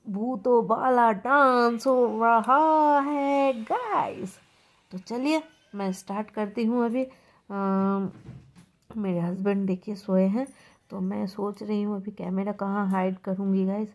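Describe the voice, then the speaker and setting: A young woman from India, chatting casually to her viewers as she walks them step by step through her prep, with quick excited exclamations. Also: medium pitch. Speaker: prank vlogger. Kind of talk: casual vlog narration to camera.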